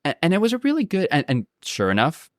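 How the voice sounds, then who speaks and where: Fast-talking man in his late twenties. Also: on the high side, huge pitch swings, dry recording, clean studio sound. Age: late 20s. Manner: rambling, self-deprecating storytelling. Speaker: actor guest. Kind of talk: casual podcast chat.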